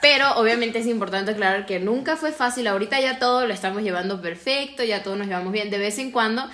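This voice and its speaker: A woman's voice: mid-range voice, fast, a bit bright. Chatty young Mexican woman, slangy. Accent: Mexican Spanish. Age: young adult. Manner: chatty, filler-heavy slang. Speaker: podcast co-host, daughter. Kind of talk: casual family podcast chat.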